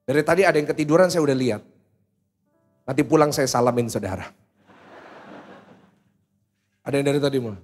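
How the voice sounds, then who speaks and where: A pastor preaching a humorous, storytelling sermon to a large church congregation, speaking directly to the listeners. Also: male voice, medium pitch, fairly quick, pauses often, faint music behind.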